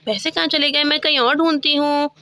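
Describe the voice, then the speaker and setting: A woman voicing a gentle mother in a doll-play story, speaking softly and calmly. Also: high-pitched, brisk, dry recording. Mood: worried. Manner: soft, calm, motherly. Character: gentle busy mother of a little girl.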